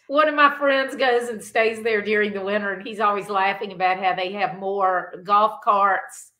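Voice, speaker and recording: A woman's voice: medium pitch, fairly even intonation, normal speed, pushed and bright. A woman of sixty hosting a podcast interview in a casual, chatty way, laughing easily. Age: 60s. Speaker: podcast host. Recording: roomy echo.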